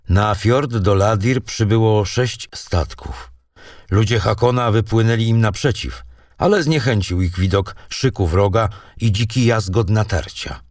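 Male audiobook narrator, low voice, animated intonation, dry sound, mic a bit distant. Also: no room sound. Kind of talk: storybook narration.

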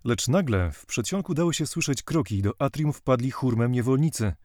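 A male narrator reads a classic novel at a measured, steady pace. His voice sits in the middle of the male pitch range, and the recording is close and dry, with no room sound. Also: no echo. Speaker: audiobook narrator.

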